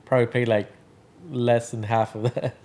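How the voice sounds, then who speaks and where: In a casual interview chat, a Venezuelan man in his thirties, the guest and founder of a drink brand, speaks at an easy, unhurried pace in an ordinary mid-pitched voice. He's relaxed and rambling, dropping in plenty of fillers.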